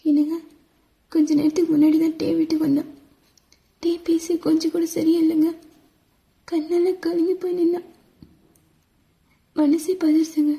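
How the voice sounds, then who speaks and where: A woman's voice: sits high, dark tone. A woman voicing a worried middle-aged village mother in a fan voice-over drama, fretful and scolding. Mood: tearful.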